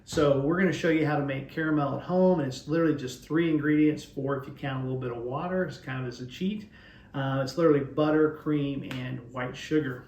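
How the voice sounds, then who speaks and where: A man in his forties from Western Kansas, USA, with a Western Kansas accent, hosts a DIY cooking channel, giving a casual home cooking demonstration at the stove of his home kitchen with folksy, rambling explanations. His voice is medium-pitched, steady in tone, a little fast and a little mellow, and the sound is roomy and distant.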